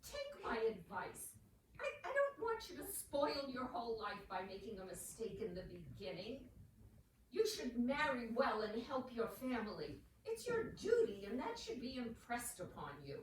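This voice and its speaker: A woman's voice: on the high side, very animated, normal speed. Woman playing a haughty old rich great-aunt, echoey. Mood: scornful, pressing. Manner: haughty, commanding, scolding old tycoon manner. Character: imperious wealthy old great-aunt, sharp-tongued and scornful. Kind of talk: stage-style period drama dialogue. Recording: very echoey, distant, clearly noisy room recording.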